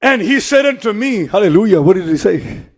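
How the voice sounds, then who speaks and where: A pastor delivers a bilingual sermon in a high, gravelly voice. He repeats key phrases and climbs to emphatic, shouted peaks as he preaches. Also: expressive, moderate pace. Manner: switches between English and Spanish, repeats phrases, rising to emphatic shouts.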